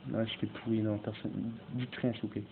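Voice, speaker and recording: A man giving excitable, swear-filled let's-play commentary, yelling and making mock threats at the game. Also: lowish voice, brisk, gravelly. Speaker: gamer. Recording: tinny lo-fi mic with faint hiss.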